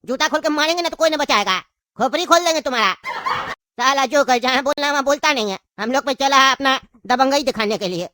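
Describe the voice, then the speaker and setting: Woman as a quick-talking, sarcastic old jailbird man with a high, bright voice. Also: lively intonation, no room sound, clean studio sound. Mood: angry. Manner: scolding, sarcastic. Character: old man in jail, cheeky and quarrelsome. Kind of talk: comedy sketch acting.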